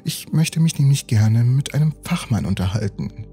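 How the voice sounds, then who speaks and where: A man voicing a poised, earnest young woman scientist in a calm, measured way. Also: medium pitch, soft background music, close to an everyday voice.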